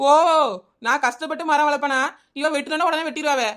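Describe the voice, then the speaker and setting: A woman's voice: high voice, steady tone, fairly quick, fairly bright tone. Woman playing a sassy stubborn neighbour. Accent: Kanyakumari Tamil. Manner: sassy backtalk, mocking.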